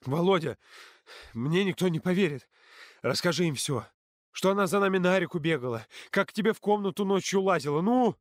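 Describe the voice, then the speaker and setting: A man voicing a hot-tempered teenage boy close to hysteria in an audiobook, yelling and pleading in a raised voice. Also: medium pitch, normal speed, no room sound, close to an everyday voice. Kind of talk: audiobook character voice.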